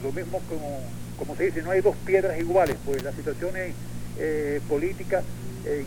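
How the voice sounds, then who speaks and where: A man's voice: fairly high pitch, steady tone. Older Cuban man on a noisy line. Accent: Cuban Spanish. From Cuba. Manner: halting, many fillers and restarts. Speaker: guest speaking from inside Cuba. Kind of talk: radio interview by phone.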